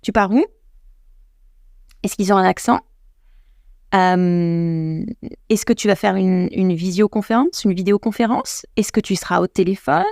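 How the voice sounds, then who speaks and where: Young french woman hosting a podcast, slight vocal fry, dry close mic, chatty. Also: mid-range voice, a little slow, pauses often, darkish tone, dry recording. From France. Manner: chatty, addresses listener directly, many restarts. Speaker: podcast host, English coach. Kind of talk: casual advice talk.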